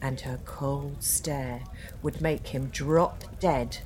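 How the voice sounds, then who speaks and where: A woman co-hosting a podcast who narrates ghostly folk tales in a slow, measured, dramatic way. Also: very deep voice, steady tone, darkish tone, a little hiss or hum. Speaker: podcast co-host and storyteller. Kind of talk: fireside storytelling narration.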